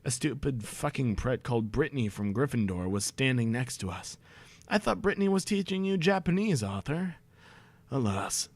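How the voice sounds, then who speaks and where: A man's voice: mid-range voice, a little mellow, no room sound. A young man streaming a comedic reading of fan fiction, breaking off into sarcastic, exasperated, profane asides.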